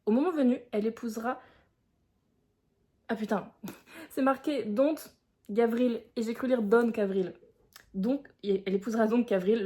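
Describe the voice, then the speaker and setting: A young woman chatting casually in a reading vlog, expressive and full of fillers, with bursts of excitement. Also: medium pitch. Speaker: book vlogger.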